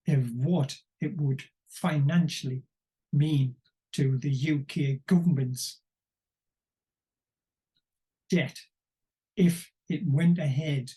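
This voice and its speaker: Brief: male commentator, slightly high, mellow tone, rambling wry monologue. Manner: rambling and wry, pausing to search for words. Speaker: political commentator. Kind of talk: unscripted political commentary.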